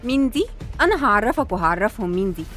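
A woman's voice: fairly high pitch, big pitch swings, quick pace, faint music behind. A woman playing a scorned Egyptian woman. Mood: accusing. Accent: Egyptian Arabic. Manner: accusing, sharp. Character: scorned jilted woman, loud and bitter.

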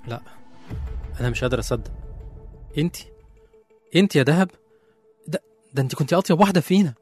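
A man's voice: fairly high pitch, expressive, quick pace, darkish tone, breathy edge, dry recording, faint music behind. A man with an Egyptian accent playing a young businessman who stammers in disbelief. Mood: shocked. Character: shocked young businessman betrayed by colleagues. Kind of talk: radio drama acting.

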